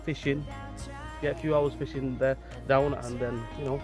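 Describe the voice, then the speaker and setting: A man, vlogging casually to a handheld camera in his car, outdoors and in shops, chatty and excitable. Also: medium pitch, normal speed, over music. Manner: chatty, excitable, says "right?" and "let's go" often. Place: car, outdoors in town and by a river, shop. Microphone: phone or action camera held at arm's length.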